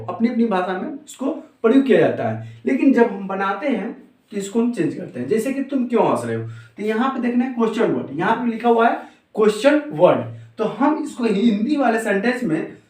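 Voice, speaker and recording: A man teaching English grammar in a lesson, explaining each step slowly and repeating words. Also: high-pitched, a little mellow, far from the mic. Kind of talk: Hindi-language grammar lesson. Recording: roomy echo, voice off-mic.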